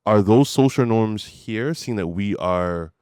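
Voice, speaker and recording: A man's voice: lowish voice, a little slow, darkish tone, clear, resonant tone, no echo, studio quality. A man co-hosting a casual chat, teasing and asking questions, often laughing. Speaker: podcast co-host.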